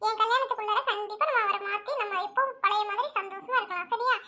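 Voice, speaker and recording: A woman doing a cheeky younger sister who teases and sulks at the dinner table. She talks quickly in a very high voice. It is a homemade family drama. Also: bright, forceful tone. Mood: comforting. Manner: teasing, sulky complaints. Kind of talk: home family drama, one narrator voicing all roles.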